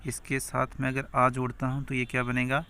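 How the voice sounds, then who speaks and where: A man's voice: medium pitch, completely flat delivery, fairly quick, bright, forceful tone, a little hiss or hum. A man teaching Urdu script who sounds out each letter and syllable one at a time, then asks and answers his own questions. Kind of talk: slow spelling-out lesson.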